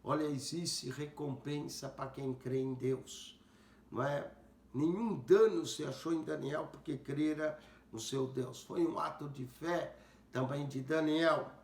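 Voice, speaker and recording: A male pastor teaching a Bible passage, speaking deliberately and repeating verses to comment on them. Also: a little high, fairly even intonation, darkish tone. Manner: slow, deliberate, rereads verses aloud and comments. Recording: roomy echo.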